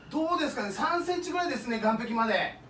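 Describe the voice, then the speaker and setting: A man playing a flustered typhoon reporter in an improvised comedy sketch, shouting as if over strong wind. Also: extremely high pitch, expressive, rapid-fire. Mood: strained, reporting. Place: indoor music rehearsal room. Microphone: camera across the room. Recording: roomy, distant phone-camera pickup with faint noise.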